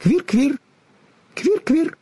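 A man's voice: extremely high pitch, expressive, drawn-out words, mellow, no room sound, voice pushed up, full character voice. A man voicing a small forest squirrel in a storybook reading, chattering and scornful in a teasing manner. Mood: mocking.

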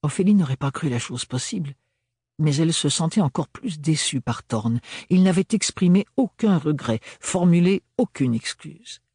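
A man narrating an audiobook in a measured, even reading. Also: on the high side, breathy edge, no echo, clean studio sound.

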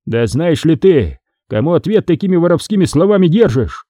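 A man's voice: fairly high pitch, big pitch swings, moderate pace, dark tone, no echo, clean studio sound, pitched above the performer's own voice. A man voicing a haughty prince who speaks imperiously. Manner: imperious, indignant.

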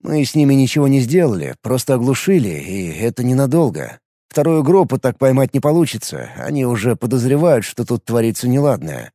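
A man reading a calm, level-headed male fighter who speaks in a measured, quiet way. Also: medium pitch, no room sound, clean studio sound.

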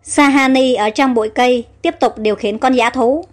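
A woman narrates a story in an even, matter-of-fact way. Her voice sits high. A faint music bed plays underneath. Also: moderate pace.

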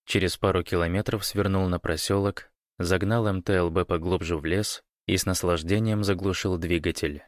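Low-voiced male audiobook narrator. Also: steady tone, normal speed, hardly any pauses, dry recording, clean studio sound.

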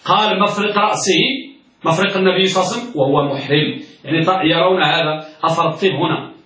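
A man teaching a classroom lesson as a sheikh, his voice high and bright. He poses questions to his students, answers them, and repeats the key words. He is heard from a distance in a strongly echoing room. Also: quick pace. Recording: echoey room from far off.

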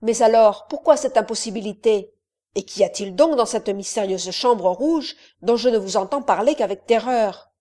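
A woman's voice: on the high side, normal speed, mellow, natural voice. A woman reading an audiobook, voicing a proud and curious nobleman who speaks eagerly and emphatically. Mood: bold, curious.

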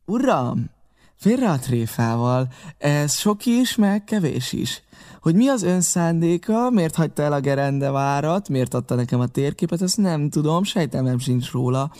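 A man voicing a cunning pirate cook who talks slowly and insistently, in an audiobook reading. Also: fairly high pitch, expressive, darkish tone, pitched above the performer's own voice, close to an everyday voice. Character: cunning one-legged male pirate cook, wheedling.

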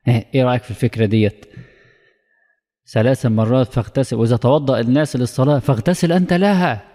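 Man doing a sly devil's voice, coaxing and mocking, Egyptian accent, raised and higher than his own, ringing with long hall reverb. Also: rapid-fire, mellow, lightly acted. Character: sly male devil urging excess worship.

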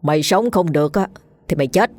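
A woman's voice: low-pitched, expressive, fairly quick, darkish tone. A woman voicing a cruel, spoiled young rich man who speaks with mocking menace. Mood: menacing.

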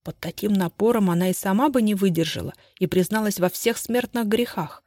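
A woman narrating a detective novel in a measured, expressive way. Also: medium pitch. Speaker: audiobook narrator.

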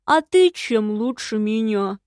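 Brief: a woman reading a sly, whiny young husband, drawn-out sulky delivery, dry close sound. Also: a little high, animated, darkish tone, no echo. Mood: sulky, snide. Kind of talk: audiobook dialogue.

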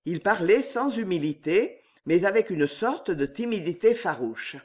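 Slow, expressive male audiobook narrator. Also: high voice. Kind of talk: novel reading.

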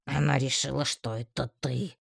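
A woman voicing a small male pet triton, sly and sulky, grumbling slowly in a fantasy audiobook. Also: medium pitch, steady tone, vocal fry, slightly rough, no room sound, studio quality, pitched below the performer's own voice. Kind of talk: audiobook character voice.

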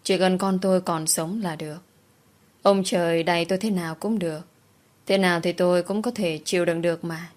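A woman's voice: on the low side, steady tone, fairly quick, a little mellow. A woman narrating a first-person audiobook story with a mournful, emotional delivery.

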